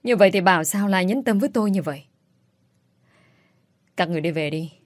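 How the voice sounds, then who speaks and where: A woman's voice: on the low side, expressive, dry recording, lightly acted. A woman voicing a bitter, grieving young woman. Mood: bitter, accusing. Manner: sharp, accusing, quick outbursts. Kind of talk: audiobook character voice.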